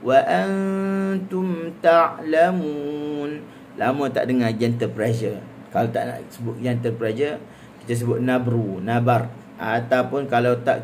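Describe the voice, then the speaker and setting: A man's voice: mid-range voice, a little mellow, slight background noise. Malaysian man drilling Quran recitation. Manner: breaks words into drilled syllables, then chants verses melodically. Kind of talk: live tajweed lesson.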